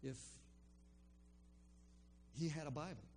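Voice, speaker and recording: Taking his time, an older man with a somewhat high, slightly mellow voice recounts a faith conversation amid slight background noise. His casual testimony wanders, with frequent ums and restarts.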